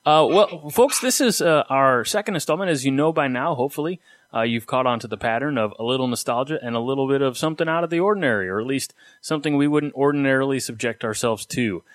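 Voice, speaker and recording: A man's voice: fast talker, no room sound. Upbeat jokey podcast host man. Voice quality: baritone. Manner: upbeat, jokey, lively plugs. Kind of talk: casual podcast chat.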